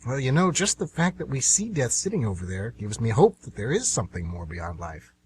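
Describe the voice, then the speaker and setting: In an amateur radio drama, a man plays a train passenger who is a devoted father, hopeful, curious and earnest. His medium-pitched, husky voice is sing-song and brisk, though his speech is somewhat hesitant.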